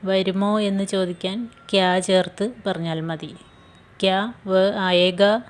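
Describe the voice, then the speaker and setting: Very slow, even-toned woman teacher. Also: mid-range voice. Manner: slow, careful phrase-by-phrase drilling with repetition. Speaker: language teacher. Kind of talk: scripted language lesson.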